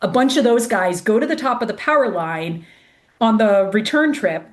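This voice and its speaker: A race director appearing as a guest, this woman has a fairly high, animated voice and talks at a moderate pace. She tells a casual story in chatty speech full of "like," voicing the people she quotes.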